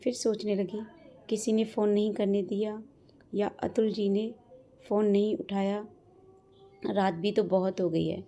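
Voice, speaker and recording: A woman hosts her story channel, narrating a scripted tale softly and with feeling. Her tone is warm and mellow, never bright. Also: medium pitch, level tone, unhurried, long pauses. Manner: soft, emotional storytelling.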